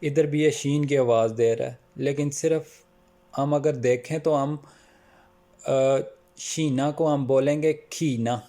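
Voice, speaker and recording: A man giving a calm pronunciation lesson, slowing down to spell out example words. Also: mid-range voice. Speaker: language teacher.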